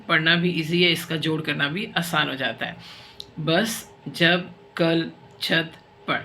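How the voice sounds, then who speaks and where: A woman teacher giving a reading lesson to young children, patient and explanatory, who reads example sentences slowly and carefully. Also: deep voice, sharp tone, a little hiss or hum. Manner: patient, explanatory, checks in often. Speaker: primary school teacher.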